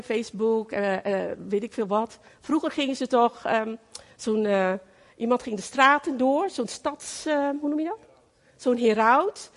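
Middle-aged woman, sermon, fervent and emphatic, high voice, slow delivery, long hall reverb. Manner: fervent, emphatic, repeats phrases. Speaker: preacher.

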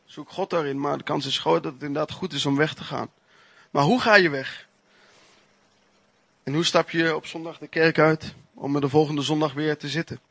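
Man preaching, earnest and emphatic, slightly high voice, dry close sound. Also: fairly even intonation, creaky, a bit bright, dry recording. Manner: earnest, emphatic, with pauses and restarts. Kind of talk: sermon with personal testimony.

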